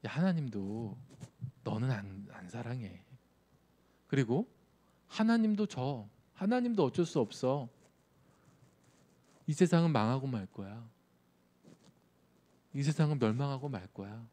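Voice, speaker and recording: A man's voice: medium pitch, animated, measured pace, pauses often, mellow, natural voice. A pastor voicing Satan as a sneering male tempter, mocking and needling in a youth sermon. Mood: taunting.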